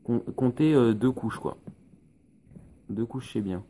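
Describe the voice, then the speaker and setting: Man, mellow-toned hobby painting tutor, halting and full of fillers, phone recording with faint hiss. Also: mid-range voice. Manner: hesitant, many fillers, explains step by step.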